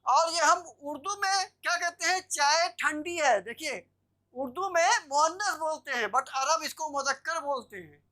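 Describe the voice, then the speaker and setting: High-voiced woman teaching an online class. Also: lively intonation, unhurried, pushed and bright. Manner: explanatory, checks understanding with "theek hai na". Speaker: Arabic grammar teacher. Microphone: video call.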